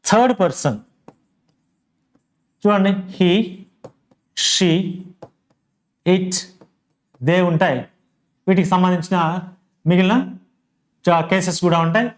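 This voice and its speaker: Slow, high-voiced Telugu-accented male teacher. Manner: slow, repeats examples and lists word by word. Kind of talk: grammar lesson.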